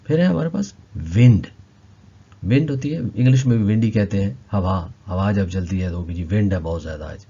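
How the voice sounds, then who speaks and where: A man teaching a language lesson, slowly repeating each word several times. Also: low-pitched, dark tone, husky, highs cut off. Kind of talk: explaining vocabulary lesson.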